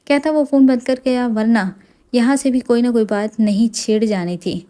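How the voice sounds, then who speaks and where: Brief: woman narrator for a novel audiobook, soft steady delivery, slightly high pitch.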